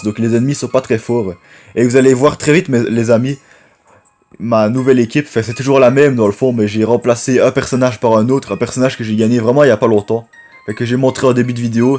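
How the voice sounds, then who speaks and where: A man with a low voice giving rambling, chatty gameplay commentary and talking to viewers as friends. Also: a little mellow. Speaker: gaming YouTuber.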